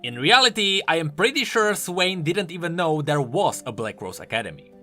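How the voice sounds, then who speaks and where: A YouTube host explains game lore in video commentary, his voice on the high side, pushed and bright, and very animated at a normal speed. His delivery is informal and emphatic, with faint music behind him.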